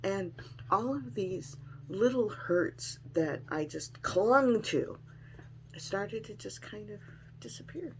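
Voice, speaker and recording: A woman's voice: medium pitch, animated, takes it slowly, a little mellow, a little hiss or hum, low-quality recording. A middle-aged woman talking in a casual personal vlog, rambling and frank with some salty language. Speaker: vlogger sharing weight-loss surgery experience.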